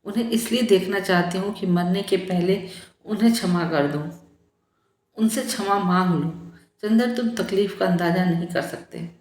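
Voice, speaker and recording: A woman voicing a feverish dying young woman who pleads softly and later cries out in delirium. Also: mid-range voice, moderate pace, roomy sound, natural voice. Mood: weak tender. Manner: weak, pleading, turns frightened and delirious.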